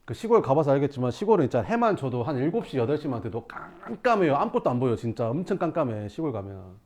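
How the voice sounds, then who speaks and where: A young male math teacher tells his class a story, his mid-pitched voice lively and swooping at a quick pace. He acts out the scenes with sudden shouts and sound effects.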